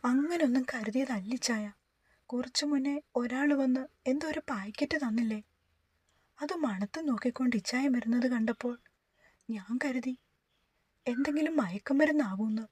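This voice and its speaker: A woman reading the part of a timid young woman who pleads softly in a storybook reading. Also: high voice, normal speed, husky. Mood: pleading. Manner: soft, pleading.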